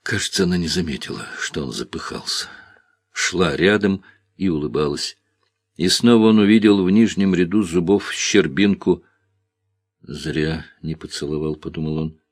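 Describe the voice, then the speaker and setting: A man's voice: deep voice, normal speed, husky, dry recording, studio quality. A man narrating a novel as an audiobook, reading expressively and voicing the characters. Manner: expressive, voices each character. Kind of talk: scripted literary narration.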